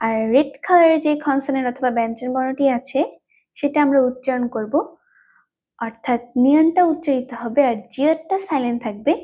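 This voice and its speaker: A woman's voice: high-pitched, a little fast, mellow. A woman teaching a language lesson, patiently explaining rules and repeating each term several times. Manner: repetitive.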